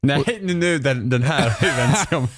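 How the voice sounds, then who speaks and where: A man's voice: mid-range voice, faint music behind. A man with a Swedish accent co-hosting a casual podcast, blunt and opinionated. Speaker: podcast co-host. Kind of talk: casual chat.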